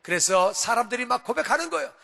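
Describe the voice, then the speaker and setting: A male pastor preaching with a very high, bright and ringing voice. He drives each point home through emphatic repetition and rising calls. His voice carries a long church hall reverb. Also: expressive, fast, vocal fry. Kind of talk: sermon. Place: church sanctuary.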